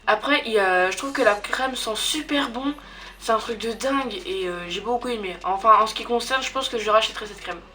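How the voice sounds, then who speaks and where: A woman's voice: on the high side, fairly quick, bright, forceful tone, a little hiss or hum. A young woman chatting casually in a beauty product review, hesitant and full of fillers and restarts. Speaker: beauty vlogger.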